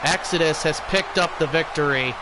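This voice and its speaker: A man streaming a wrestling game, talking excitedly and often clearing his throat. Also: on the high side, normal speed, noisy background. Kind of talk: casual game-stream commentary.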